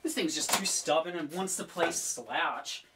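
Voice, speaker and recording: A woman in raging gamer mode, complaining in exasperation, recorded from a distance with loud clattering around her. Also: low-pitched, measured pace, very noisy. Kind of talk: angry rant at a broken game console. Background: loud clicks and clattering.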